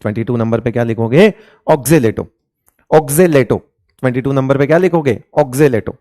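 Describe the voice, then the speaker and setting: A man's voice: mid-range voice, normal speed, warm tone, no echo, clean studio sound. A man teaching chemistry in Hindi, asking the class questions over and over and answering them himself, calling his students beta. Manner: addresses students fondly as beta and raja. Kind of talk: classroom lecture.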